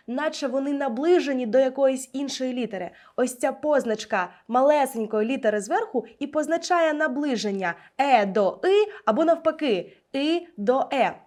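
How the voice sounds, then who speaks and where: A young woman teaching an online language lesson, explaining rules with spoken examples in a lively way. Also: on the high side. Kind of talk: online exam-prep lesson.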